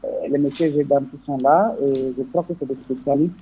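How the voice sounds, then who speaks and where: A man's voice: medium pitch, fairly even intonation, a little fast, slightly rough. A man calling in to a radio show over the phone, asking his questions hesitantly with many fillers and restarts. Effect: radio show caller heard over a phone line. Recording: muffled phone line with faint noise.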